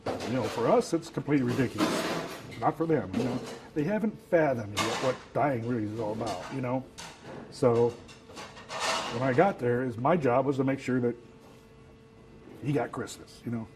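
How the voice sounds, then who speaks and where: A man, telling his story in an interview in a halting, soft-spoken way, filling his talk with "you know.". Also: medium pitch, noisy background. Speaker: actor who works as Santa, telling his story.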